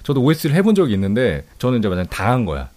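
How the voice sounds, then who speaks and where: Lively, fast-talking Korean man host. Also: mid-range voice. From Seoul. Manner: joking, teasing, laughs often. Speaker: podcast host and producer. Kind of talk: casual chat.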